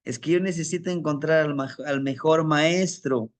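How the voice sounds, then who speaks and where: A restless young man hunting for the meaning of his life, as a man acts him out,. He rattles off hurried, anxious excuses in a higher voice. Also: lightly acted. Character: restless, doubtful young man seeking answers.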